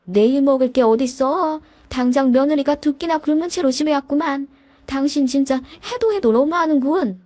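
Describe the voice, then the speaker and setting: Fatherly older man, as a woman puts him on, voice dropped lower, dry close sound, for a spoken story. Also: moderate pace, dry recording, close to an everyday voice. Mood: stern. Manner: gentle, fatherly. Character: kindly older father-in-law, gentle then stern.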